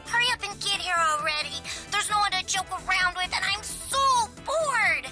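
Chirpy robot ice girl, very high voice, teasing puns, lively swoops, game music loud behind. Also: moderate pace. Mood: bored teasing. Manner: teasing, bored, punning. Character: playful female ice robot girl, pun-loving.

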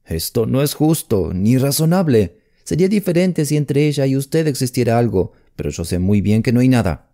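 A middle-aged mother, worried yet firm, in an audiobook mystery, put on by a male narrator. The voice stays warm and fairly low, with wide swings in pitch. She presses her points with urgent emphasis. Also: sing-song, measured pace, exaggerated voice. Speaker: audiobook narrator voicing a character. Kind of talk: audiobook character voice.

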